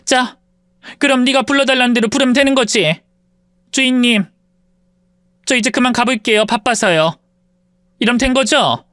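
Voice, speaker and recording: A woman voicing a patient middle-aged woman, a former maid, who answers a bully in a calm, restrained way in an audio story. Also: on the high side, moderate pace, long pauses, no room sound, clean studio sound, lightly acted.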